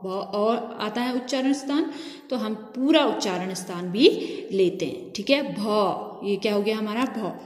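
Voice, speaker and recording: Slow, echoey woman teacher. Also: mid-range voice, a little mellow. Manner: asks questions and answers them herself, slow and drawn out. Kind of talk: classroom grammar lesson. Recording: echoey room with long reverb.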